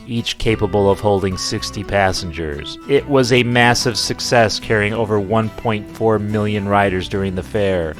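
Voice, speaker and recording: A man's voice: fairly low pitch, a bit bright. A man hosting a short show that casually reads out facts about a day's observances, with an offhand, jokey manner. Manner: informal and jokey, swears offhand. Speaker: host. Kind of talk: casual read-out of daily observances.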